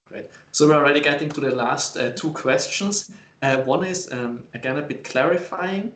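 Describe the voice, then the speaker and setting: Moderator in an echoey room. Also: male voice, on the high side, a bit bright. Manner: reads audience questions, a little halting. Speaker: event moderator. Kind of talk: moderating a live Q&A.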